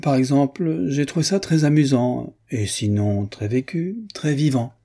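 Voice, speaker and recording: A man reading aloud plays a frank, witty young society lady with a candid, teasing tone. The voice rides higher than his own and stays mellow and slightly husky, like a storybook scene. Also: measured pace.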